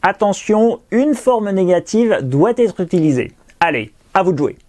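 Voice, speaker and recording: A man teaching English grammar in a recorded lesson, explaining clearly and patiently and repeating pronunciation drills. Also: sits high, very animated, moderate pace, a little mellow.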